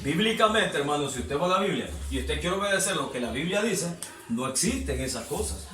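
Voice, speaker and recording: A man preaching a sermon to his congregation, exhorting and asking them questions, his voice rising to shouts. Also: fairly high pitch, lively intonation, fairly quick, faint music behind. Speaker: pastor. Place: church hall. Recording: echoey hall, mic far off.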